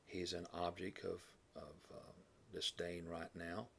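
A man teaching a Bible lesson in a classroom style, thinking aloud with fillers, correcting himself and often clearing his throat. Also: deep voice, level tone, unhurried, a bit bright, a little hiss or hum.

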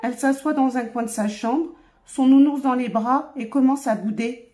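Female storybook reader, high pitch, warm tone, expressive. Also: normal speed. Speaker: children's book reader. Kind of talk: reading a children's story aloud.

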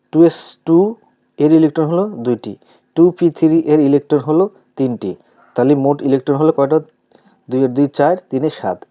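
A man teaching a chemistry lesson step by step with a Bangladeshi Bengali accent, asking questions aloud and answering them himself. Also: mid-range voice. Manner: asks questions aloud then answers, repeats terms slowly. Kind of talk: step-by-step tutorial explanation. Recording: slightly dull lo-fi recording.

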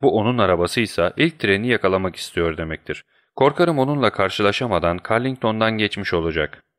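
A man reading an audiobook who voices a brisk, commanding male detective, raising his voice above his narration. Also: fairly low pitch, expressive, a bit bright. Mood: impatient.

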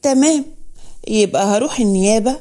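A woman doing a haughty, scheming woman in a spoken story drama, cold and blackmailing. The voice is fairly high with a mellow tone. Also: lively intonation, fairly quick.

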